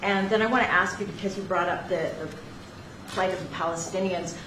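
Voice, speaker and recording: A woman's voice: lowish voice, steady tone, brisk. Woman reporter asking pointed questions. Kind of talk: press question. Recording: echoey room with crowd, noisy.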